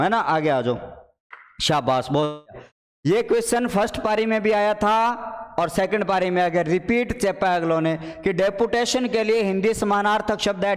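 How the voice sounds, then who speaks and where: A man teaching a playful, animated online Hindi exam class. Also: sits high, big-room sound. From Rajasthan. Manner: animated, playful, addresses students as children and brothers. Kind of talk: live online exam paper solution class.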